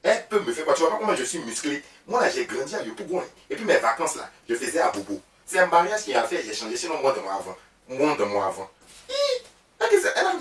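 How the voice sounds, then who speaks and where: A boastful, gossiping wife, played by a man in a comic sketch, speaking with an Ivorian French accent. Her voice leaps up and down in animated swings, breaking into loud bursts. The voice sounds roomy and set back from the mic over a faint background. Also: on the high side, recorded from a distance. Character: boastful chatty wife of Cyprien, a woman. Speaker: comedian playing a woman.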